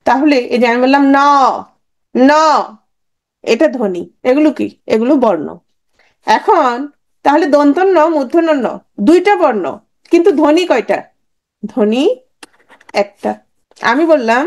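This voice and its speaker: A woman's voice: high voice, darkish tone. A woman teaching an exam-prep grammar lesson in Bangladeshi Bengali, asking questions and answering them herself. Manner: quizzing, answers her own questions. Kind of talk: lecture on grammar.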